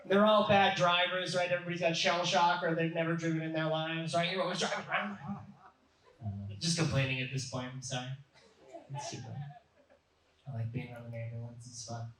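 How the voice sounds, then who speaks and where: A young adult man performing a stand-up comedy set in a comedy club, telling deadpan, self-mocking jokes. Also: a little high, brisk, far from the mic. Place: comedy club stage, audience laughing. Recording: echoey club, mic heard from afar.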